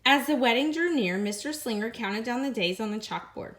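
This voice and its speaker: A woman teacher reads a picture book aloud to her students with lots of expression, slowing on repeated phrases and raising her voice for the characters' lines. Her voice is a little high.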